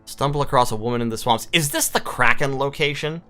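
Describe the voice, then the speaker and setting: A man's voice: medium pitch, a little fast, bright, forceful tone. A man playing a game, commenting casually, reacting with swearing and disbelief, and reading event text aloud. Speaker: let's play gamer. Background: game music.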